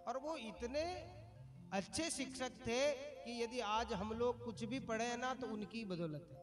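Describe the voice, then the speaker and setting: A man's voice: very high voice, a little slow, music in the background. A man preaching a devotional story sermon to a gathered audience, often putting questions to the listeners in a chatty storytelling way. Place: religious gathering before an audience.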